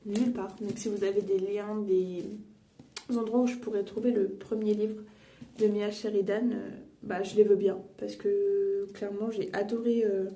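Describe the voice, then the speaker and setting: A young woman who vlogs about beauty and books chats casually while doing her makeup, rambling with many fillers and self-corrections. Her medium-pitched voice is mellow, fairly flat, and at a normal pace. She's a bit far from the mic in an echoey room with faint noise.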